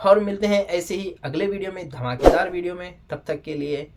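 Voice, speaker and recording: An excitable reviewer recaps a TV episode in a loose, chatty way. The voice sits at an ordinary middle pitch, and the delivery is animated, full of exclamations and scolding asides. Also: fairly quick, loud music behind the voice. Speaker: TV show reviewer. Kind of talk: casual spoken episode recap.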